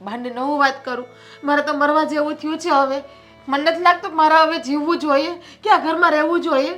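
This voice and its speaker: An actress playing a scheming elder sister-in-law in a family drama. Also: female voice, high voice, fairly even intonation, fairly quick, a bit bright, soft background music. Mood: aggrieved.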